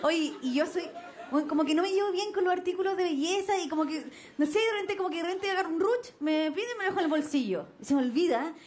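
A young Chilean woman doing a stand-up comedy set on stage, brash and slangy, swinging her pitch for quoted voices. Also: lively intonation, quick pace, darkish tone. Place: stage before a live audience. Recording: noisy live TV stage with crowd. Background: crowd laughter.

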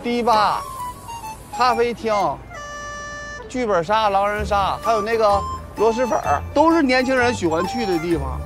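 A man's voice: high-pitched, animated, moderate pace, music in the background. A man acting in a TV drama, complaining and sarcastic. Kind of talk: TV drama dialogue.

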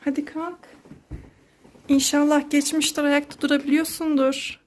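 Mom vlogger, 30s woman, high voice, theatrical exclaiming, playful skit. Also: little pitch movement, normal speed, slight background noise. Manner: dramatic, exclaiming, sing-song fussing. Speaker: mother filming her child. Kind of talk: playful family skit vlog.

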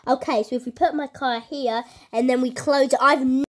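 A woman's voice: high-pitched, fairly even intonation, moderate pace. A young woman giving casual commentary on her gameplay, chatty, with many fillers and a constant "guys". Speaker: gaming YouTuber.

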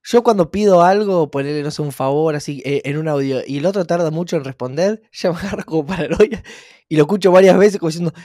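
A man's voice: a little high, quick pace, few pauses, mellow, no echo, clean studio sound. An Argentine man co-hosting a podcast, teasing his partner playfully and laughing often in casual chat. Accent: Argentine Spanish. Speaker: podcast co-host.

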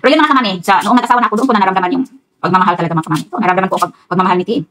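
A woman's voice: mid-range voice, very fast, a bit bright. A middle-aged Filipino woman chatting to viewers in a rambling home cooking vlog. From Philippines. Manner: rambling, talks straight to viewers, frequent laughs. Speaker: vlogger. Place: home kitchen.

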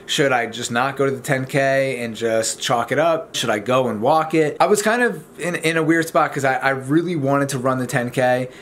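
A man's voice: medium pitch, normal speed, few pauses, a bit bright, slight background noise. A man around thirty talking casually to camera as a vlogger at home, chatty and informal as he explains things. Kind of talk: casual vlog talk to camera. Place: indoors in a home living room.

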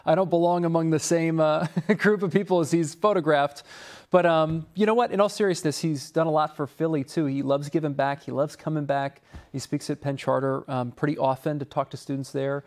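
A man's voice: on the high side, fairly quick. Upbeat male TV reporter in studio. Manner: upbeat, animated delivery. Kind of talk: news feature narration and studio chat. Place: TV news studio.

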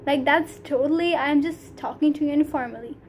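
A high-voiced teenage girl from Pakistan, whose mother tongue is Urdu, vlogs in Pakistani-accented English to a phone camera at arm's length in a small room. Earnest and casual, she stumbles along with plenty of fillers, and a bit of background noise can be heard.

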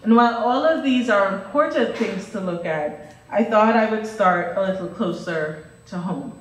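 A woman's voice: medium pitch, moderate pace, recorded from a distance, slight background noise. Woman lecturing in an echoey hall. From Guyana, raised in Jamaica. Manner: reads steadily from prepared remarks, listing items one by one. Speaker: researcher giving a lecture. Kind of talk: prepared lecture. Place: lecture hall with a stage and screen. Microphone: podium mic, far camera.

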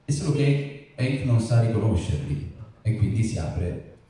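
A man's voice: on the low side, very animated, unhurried. A young man chatting informally and self-deprecatingly on stage. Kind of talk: casual stage chat. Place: large theatre stage at a convention. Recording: echoey hall from far off, loud audience.

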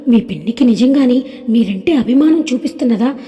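A wary, sensitive young woman, as a woman narrator puts her on in an audio story. She speaks hesitantly and softly in a mellow voice, and a long hall reverb trails behind it. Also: on the high side, animated, a little fast, lightly acted. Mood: doubtful.

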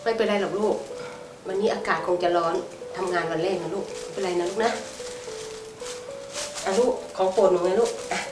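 An actress playing a poor, caring mother of grown children who speaks in a gentle, pleading way. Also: on the low side, normal speed, long pauses, roomy sound, distant mic, music in the background, close to an everyday voice. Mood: soothing. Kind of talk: online short drama acting.

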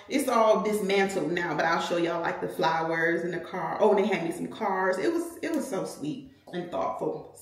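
A middle-aged woman talks chattily and warmly straight to her viewers, full of "y'all". Her voice sits at an ordinary pitch, and the sound is roomy with echo. It has the loose, easygoing feel of a home vlog. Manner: chatty, animated, says "y'all" a lot. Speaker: vlogger, mother. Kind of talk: casual vlog chat. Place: home and car.

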